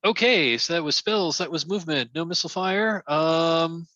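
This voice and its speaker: A man running a tabletop game as game master, relaxed and a little hesitant. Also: on the high side, normal speed, dry recording, dull audio.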